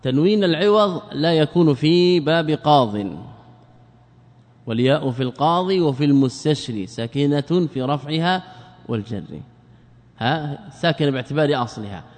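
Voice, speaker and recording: A man teaching a grammar lesson, quizzing his students and repeating key words slowly. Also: fairly high pitch, lively intonation. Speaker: Islamic scholar teaching a class. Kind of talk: classroom lesson with questions to students. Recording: long hall reverb.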